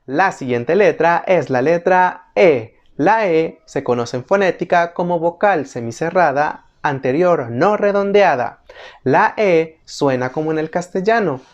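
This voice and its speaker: A teacher narrating an instructional video, methodically explaining each letter and slowly repeating every example word. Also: mid-range voice, dull audio. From El Salvador. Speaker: language teacher.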